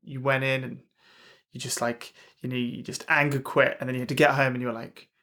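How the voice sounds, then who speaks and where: A man co-hosting a podcast, talking casually in a chatty, halting way. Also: mid-range voice, flat delivery, bright, forceful tone. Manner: chatty, halting, laughs easily. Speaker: podcast co-host. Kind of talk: casual tech chat.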